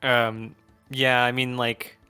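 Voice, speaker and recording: A man giving casual, joking game commentary as a co-host, wry, excitable and swearing freely. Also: medium pitch, takes it slowly, clean tone, no room sound. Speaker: let's play co-host. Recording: game music behind. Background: video game music.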